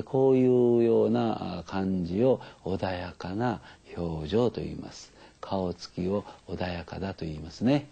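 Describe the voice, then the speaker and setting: A man's voice: low-pitched, gravelly, mellow, slightly rough. An older man, patiently explaining how to write kanji to schoolchildren, with many fillers. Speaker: elementary school teacher. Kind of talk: kanji lesson for children.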